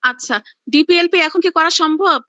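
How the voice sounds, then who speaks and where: A woman's voice: very high-pitched, a little fast, bright, forceful tone, no echo. Woman teacher cutting out on a bad call. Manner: stern, questioning. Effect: voice breaking up over a dropping online call. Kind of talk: online class lecture. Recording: lo-fi online call audio.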